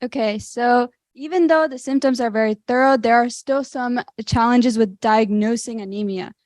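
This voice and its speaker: A teenage girl from Maryland presents her section with a slightly high voice. She speaks loosely and leans on "um" and "like" as she goes. The recording is close and dry. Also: normal speed, darkish tone, no room sound. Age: teens. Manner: loose, with fillers like "um" and "like". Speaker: student presenter. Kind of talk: group presentation.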